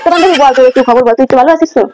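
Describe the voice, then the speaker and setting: A woman's voice: high-pitched, racing, very noisy. A woman playing a complaining daughter-in-law in a comedy skit.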